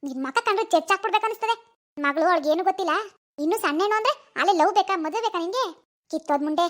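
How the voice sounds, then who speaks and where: Cartoon mother, enraged, voiced by a woman, very high and shrill, rattles off insults at speed. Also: expressive. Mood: angry scolding. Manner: shrill, rapid scolding with insults. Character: furious village mother scolding her teenage daughter.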